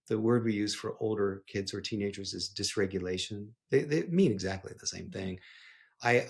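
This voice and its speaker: A middle-aged man, a clinical psychologist, speaking as a podcast guest in an animated, conversational way. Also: lowish voice, gravelly. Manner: animated, playful storytelling with acted-out dialogue. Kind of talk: conversational interview.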